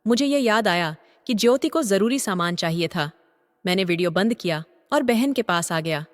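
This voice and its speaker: An older man narrating a story in a steady, even reading voice. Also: high voice, normal speed. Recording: long reverb.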